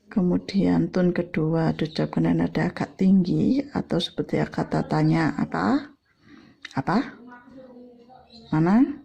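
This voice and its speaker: A woman teaching a Mandarin lesson, explaining and slowly drawing out example sounds. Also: deep voice, vocal fry, dark tone, husky. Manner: slow, deliberate, drawn-out demonstrations. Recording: dull lo-fi recording.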